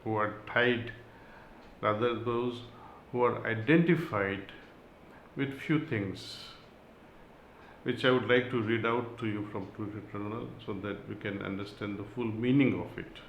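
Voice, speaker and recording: A man giving a spiritual talk and reading aloud, in a slow, measured way with long pauses. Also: fairly low pitch, reverberant, muffled recording, slight background noise. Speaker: spiritual teacher.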